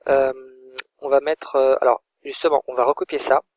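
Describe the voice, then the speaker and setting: A man in an informal, think-aloud software tutorial, talking his viewers through each click as he goes. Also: mid-range voice, steady tone, moderate pace, dry recording. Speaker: online course instructor. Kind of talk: screen-recorded software tutorial.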